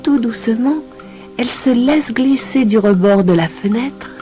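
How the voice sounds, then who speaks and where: A woman teacher reading a children's story aloud, slow and expressive. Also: on the high side, faint music behind.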